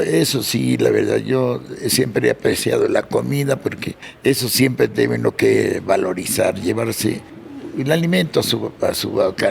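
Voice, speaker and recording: An older man telling childhood stories in a casual interview, jumping up in pitch when he quotes people. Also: gravelly, slight background noise. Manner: animated anecdote teller, jumps high when quoting people. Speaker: interview guest, sonidero. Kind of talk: casual storytelling.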